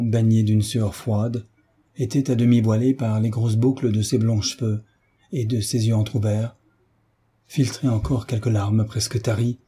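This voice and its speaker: A man narrating a classic novel in a measured, expressive reading. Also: fairly low pitch, breathy edge.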